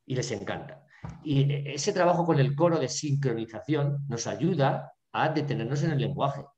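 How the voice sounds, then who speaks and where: Teacher lecturing over an echoey video call. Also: male voice, medium pitch, animated, normal speed, darkish tone, lo-fi sound. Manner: filler-heavy, constantly checking in with "¿vale?" and "¿no?". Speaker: drama teacher giving a lecture.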